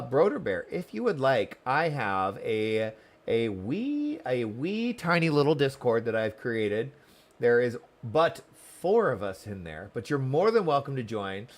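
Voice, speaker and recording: A man with a mid-range voice live-streams a game, chatting casually and warmly with viewers as he comments on the story. He often repeats words.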